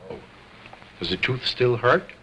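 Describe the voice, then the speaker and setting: A man's voice: medium pitch, sing-song, measured pace, bright, forceful tone, a little hiss or hum. An actor playing an egocentric, stern stage ventriloquist who talks in a grandly formal showman's manner, in an old 1929 film. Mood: pompous. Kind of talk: 1920s stage and film acting. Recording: vintage 1929 film soundtrack.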